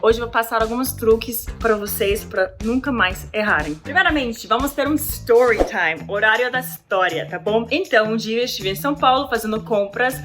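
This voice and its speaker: An American woman with a fairly high voice teaches English pronunciation in a chatty, upbeat way, dropping casual fillers as she goes. Her first language is English, and her Portuguese carries her American accent. Background music plays clearly under her voice. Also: normal speed, hardly any pauses. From United States. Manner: lively, chatty, with colloquial fillers. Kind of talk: YouTube lesson.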